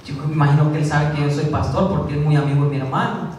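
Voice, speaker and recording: A man's voice: on the high side, flat delivery, fast, a little mellow, heavy reverb, far from the mic, rough recording. A man preaching a sermon as pastor, repeating key lines and acting out quotes. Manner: preaching with repetition and acted-out quotes. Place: church.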